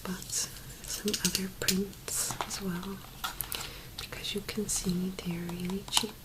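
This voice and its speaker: A woman speaking in a soft, hushed whisper, gently presenting an ASMR tapping video. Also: mid-range voice, flat delivery, slow pace, heavy background noise.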